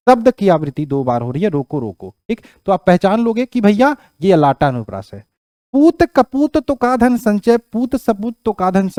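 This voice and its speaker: High-voiced male teacher explaining grammar. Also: no echo, studio quality. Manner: repeats key phrases, asks the class "clear?"; rises in pitch and loudness when explaining examples. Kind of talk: exam-prep grammar lesson.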